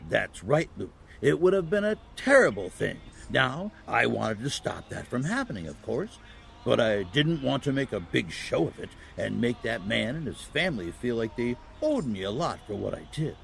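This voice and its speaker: An actor playing a kindly, patient old Saint Nicholas as Santa in a family audio drama, telling stories with a gently halting, chuckling manner. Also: male voice, medium pitch, big pitch swings, gravelly, a little hiss or hum. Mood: gently explaining.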